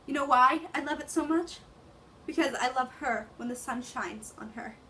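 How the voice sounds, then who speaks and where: A woman's voice: sits high, normal speed, sharp tone, a little hiss or hum. A young woman performing a male monologue as a grieving, lovestruck man, in a mounting, impassioned delivery. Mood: passionate. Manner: building intensity, listing things. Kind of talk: dramatic monologue recitation.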